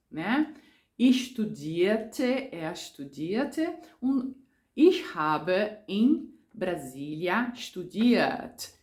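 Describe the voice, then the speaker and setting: A woman's voice: fairly low pitch, darkish tone, roomy sound. A woman teaching German grammar, patiently spelling out verb endings and repeating little tag questions. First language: Portuguese. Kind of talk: explaining grammar to learners.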